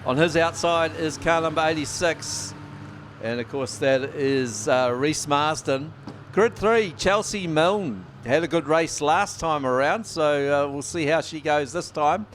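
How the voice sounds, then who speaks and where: High-voiced New speedway caller. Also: male voice. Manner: excitable and rapid during racing, calmer between races. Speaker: race commentator. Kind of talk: live motorsport race call. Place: outdoor speedway commentary position. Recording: loud speedway engine noise behind.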